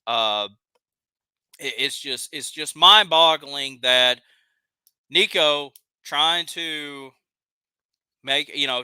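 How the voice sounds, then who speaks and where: A man's voice: a little high, pushed and bright, smooth, no room sound. A man with a Southern accent hosting a live stream, ranting heatedly and reading chat comments aloud. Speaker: live show host.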